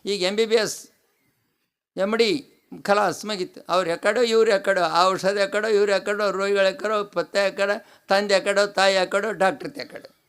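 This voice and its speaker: A man's voice: sits high, steady tone, moderate pace, fairly bright tone, smooth. A man with a North Karnataka Kannada accent giving a devotional discourse, asking the audience rhetorical questions and repeating key phrases. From North Karnataka, India. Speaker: swami preaching a pravachana.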